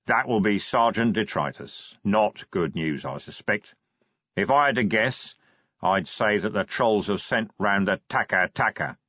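A man voicing a calm, mysterious male sage who speaks slowly and in measured tones. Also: dry recording. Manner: slow, measured, deep, enigmatic. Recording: dry, slightly dull audiobook sound.

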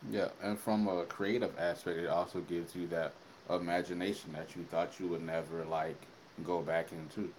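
Man, 20s, very low voice, casual podcast co-host, loose and filler-heavy, faint hiss behind. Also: moderate pace, poor audio. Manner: relaxed, rambling with many fillers. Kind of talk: casual chat.

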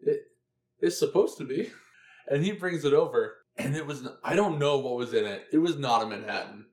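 Man, casual podcast chat, storytelling, joking, mid-pitched voice, roomy echo. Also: animated, darkish tone. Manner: storytelling, joking, quick to laugh. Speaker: podcast co-host.

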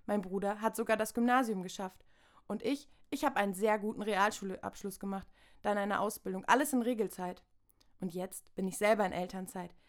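A woman's voice: mid-range voice, brisk. A woman from Saxony-Anhalt in a satirical stage monologue, prim and self-important, lecturing. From Saxony-Anhalt, Germany.

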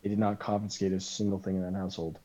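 Low mellow-voiced guy telling a wild story on a podcast, lots of "like", kinda dull audio. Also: very fast. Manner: animated, full of "like" and quoted dialogue. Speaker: podcast guest. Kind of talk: casual storytelling.

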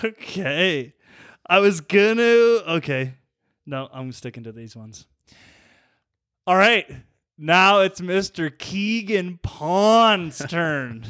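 A young man co-hosting a casual podcast, talking in quick animated bursts and laughing often. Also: high voice, dry recording, clean studio sound. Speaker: podcast co-host. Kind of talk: casual chat.

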